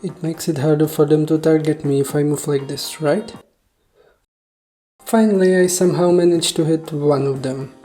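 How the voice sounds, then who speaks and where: A woman with a low, mellow voice, a native Czech speaker, recounts a dream casually. She sounds puzzled by her own story, questioning herself and joking at her own expense. Faint music plays behind her. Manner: self-deprecating, jokey, puzzled asides and mock-serious boasting. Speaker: video storyteller. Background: soft music.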